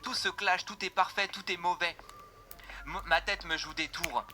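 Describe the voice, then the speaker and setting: A man's voice: high-pitched, fairly even intonation, normal speed, bright, forceful tone, slight background noise. A man reading aloud the first-person lines of a young woman character in a game, describing what she feels after each potion. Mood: unsettled.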